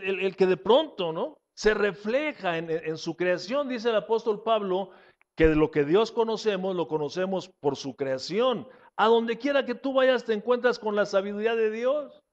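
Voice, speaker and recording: A man preaching a sermon, swinging between loud exclamations and hushed, slow asides. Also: high voice, muffled recording. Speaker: pastor.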